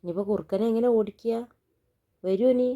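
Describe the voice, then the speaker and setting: A woman chatting gently with a small child at home, coaxing and reassuring in a calm, patient way. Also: medium pitch, brisk, narrow, tinny audio. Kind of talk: casual chat with a small child.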